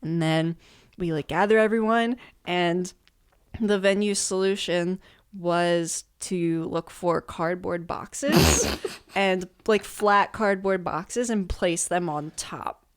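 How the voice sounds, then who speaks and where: Brief: woman guest musician, unhurried and clear-voiced, laughing as she tells a story. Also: fairly low pitch. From United States. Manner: laughing often, rambling with many fillers. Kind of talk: casual interview storytelling.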